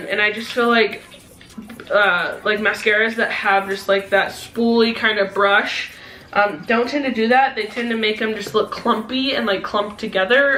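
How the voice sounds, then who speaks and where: Bright-voiced young woman in an echoey room. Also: medium pitch. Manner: chatty, many fillers like "um" and "like". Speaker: beauty vlogger. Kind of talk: casual product haul review. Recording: echoey room with faint noise.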